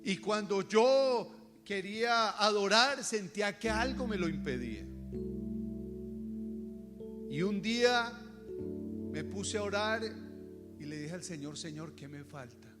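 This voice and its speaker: A high-pitched man with a Colombian accent preaches a sermon testimony, earnest in his telling. He drops to hushed tones and climbs to fervent shouts. His voice rings through a long-echoing hall with instrumental music underneath. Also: lively intonation, slow, pauses often. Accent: Colombian Spanish. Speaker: pastor. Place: church service.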